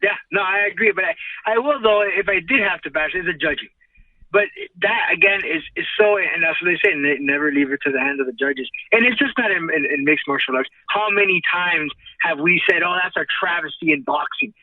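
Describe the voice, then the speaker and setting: High-voiced man on a tinny phone line. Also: fairly quick, dry recording, far from the mic. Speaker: guest, ring announcer. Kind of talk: casual sports talk interview. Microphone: remote call.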